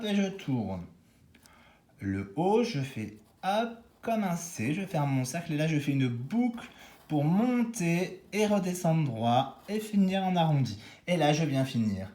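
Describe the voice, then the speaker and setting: Man teaching cursive, slow and guiding. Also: mid-range voice, a little mellow, reverberant. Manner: slow, step-by-step guiding, encouraging. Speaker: kindergarten teacher. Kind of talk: remote handwriting lesson for young children.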